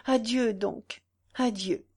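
A woman's voice: a little high, takes it slowly, warm tone, breathy edge. Woman voicing a distraught noblewoman, breathless and pleading. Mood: sorrowful farewell.

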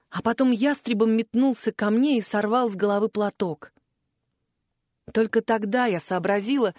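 A woman narrating a first-person audiobook in an expressive storytelling manner, close to the mic. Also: fairly high pitch, no room sound.

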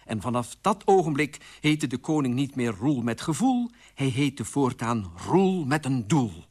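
A man reading a fairy tale aloud on radio with lively, expressive storytelling. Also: medium pitch, a little slow, slightly rough.

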